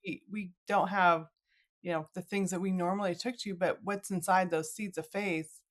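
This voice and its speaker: In a relaxed, conversational interview with an author, a middle-aged woman podcast host talks in a chatty way, sprinkling in little quoted asides. Her voice is lowish, with a steady tone and a moderate pace.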